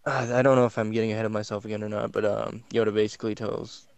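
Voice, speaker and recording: A man's voice: fairly low pitch, little pitch movement, fast, vocal fry, a little mellow, clear, resonant tone. A man co-hosting a casual chat, laid-back and a little hesitant, with dry remarks. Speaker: podcast co-host.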